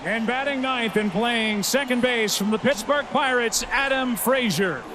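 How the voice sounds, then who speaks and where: A man working as a stadium announcer, introducing lineups in a booming, showy arena style and drawing out names over the PA. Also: unhurried. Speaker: stadium public address announcer. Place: large open-air stadium, over the PA. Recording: noisy stadium PA with loud ambience.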